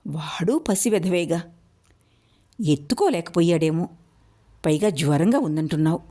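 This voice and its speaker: A woman reading a story aloud, voicing a gentle, pitying old village man. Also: fairly low pitch, expressive, unhurried. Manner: soft, pitying speech.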